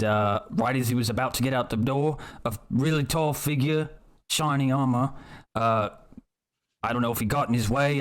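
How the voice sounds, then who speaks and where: A man voicing Cosmo, a charismatic young man who rambles in rough, broken grammar. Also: mid-range voice, close to an everyday voice. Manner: rambling, hesitant, ungrammatical.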